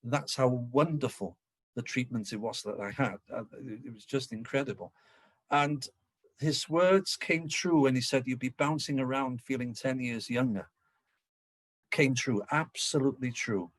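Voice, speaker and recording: A man's voice: medium pitch, moderate pace, no room sound. A middle-aged man from North Wales with a Welsh accent, giving an anecdotal local history talk and acting out the dialogue. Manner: lively storyteller who acts out dialogue.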